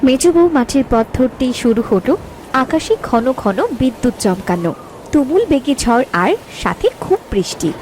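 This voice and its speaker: A woman's voice: a little high, animated, a little slow, a little mellow, a little hiss or hum, rough recording. A woman narrating a scripted fairy tale.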